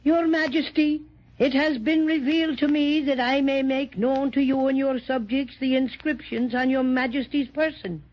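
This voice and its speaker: An actor voicing a small, cheeky, chirpy talking bear in a 1930s children's radio serial. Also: male voice, extremely high pitch, steady tone, moderate pace. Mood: grandly theatrical. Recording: muffled 1930s radio recording.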